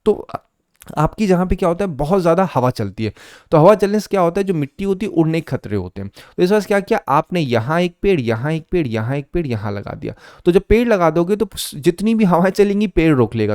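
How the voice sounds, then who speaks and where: A man's voice: a little high, dark tone, clean tone, no room sound, clean studio sound. A man teaching an exam prep lesson, explaining step by step and quizzing his students with questions, mixing Hindi with English terms. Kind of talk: lecture.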